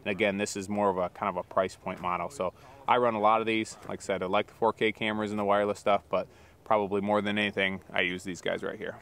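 Low-voiced man explaining outdoors. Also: fast talker. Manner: relaxed, practical, with frequent fillers. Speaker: outdoor show presenter. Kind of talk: casual on-camera explanation. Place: outdoors in snowy woods.

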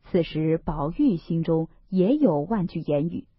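A woman reading a classic novel aloud in a measured, expressive storytelling manner. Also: sits low, husky, dry recording. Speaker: reader. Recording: dull, lo-fi, dry recording.

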